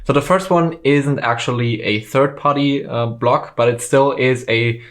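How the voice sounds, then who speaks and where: A course instructor whose native language is German walks through a screen-recorded software lesson in a middle-pitched voice. He explains the steps in a relaxed, slightly slow way, with frequent ums and uhs.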